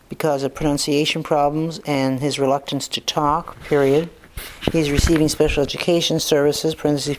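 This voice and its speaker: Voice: medium pitch, low-quality recording. Clinician dictating punctuation aloud. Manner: speaks punctuation aloud and spells out names; steady, matter-of-fact with fillers.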